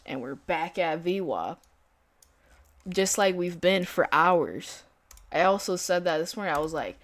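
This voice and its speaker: A young woman with a fairly low voice chats casually with viewers as she trades live, using lots of fillers and slang. The recording is dry, in the style of a day trader's live-stream chat.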